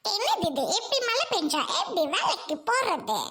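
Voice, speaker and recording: A woman's voice: very high-pitched, wildly swooping pitch, normal speed, sharp tone, heavily acted. A woman voicing a sly cartoon woman who mocks a neighbour and plots a theft. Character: scheming cartoon woman plotting to steal goats.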